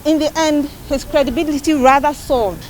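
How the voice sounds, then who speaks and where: A woman with a Ghanaian accent giving a press briefing as a party spokesperson, speaking emphatically and deliberately, point by point. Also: high voice, a little mellow, slight background noise. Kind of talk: press briefing on a court case.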